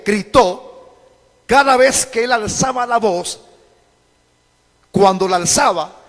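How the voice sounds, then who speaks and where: A man preaches with a high voice into a handheld microphone. His delivery moves from quiet, intimate explanation to fervent shouted peaks. A long reverb from a large church hall trails each phrase. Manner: preaching, swinging between quiet talk and shouted climaxes. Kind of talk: sermon.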